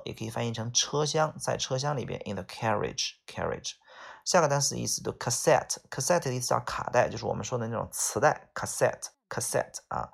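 Gravelly male English teacher. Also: lowish voice. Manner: repeats each word, many fillers. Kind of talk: vocabulary lesson.

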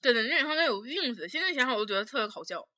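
A woman's voice: a little high, expressive, very fast, bright, forceful tone. A young woman with a Northeastern Mandarin accent, hosting a casual storytelling chat in a blunt, profane way, laughing often as she tells it. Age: young adult. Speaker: podcast host.

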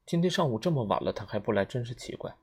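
A man reading an audiobook, voicing an elderly spinster who speaks in a flat, sharp, moralizing way. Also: medium pitch, fast talker, slightly rough. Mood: cold. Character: stern, self-righteous elderly spinster.

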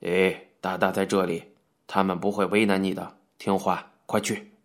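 A man voicing an older male coach who soothes and placates others in a low, coaxing voice. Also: little pitch movement, moderate pace.

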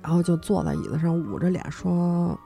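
A young woman narrating a horror story as podcast host, acting out each character's lines with sudden jumps in pitch. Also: brisk, vocal fry, soft background music. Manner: animated telling, acts out the characters' lines with sharp pitch jumps.

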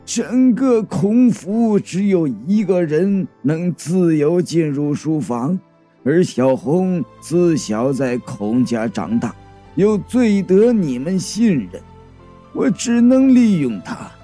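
Male storyteller doing a high, slow, bitter schemer of a son-in-law in a folk tale. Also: expressive, mellow, faint music behind. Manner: slow, bitter, self-justifying pleading. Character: scheming resentful live-in son-in-law, young man.

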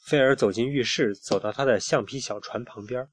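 A man reading a bedtime story aloud to his child, with soft, playful asides. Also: mid-range voice, brisk, slightly rough, no echo.

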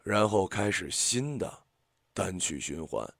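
A man voicing a calm, wise older man who explains things quietly and reflectively. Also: sits low, unhurried, creaky, dry recording, clean studio sound, exaggerated voice.

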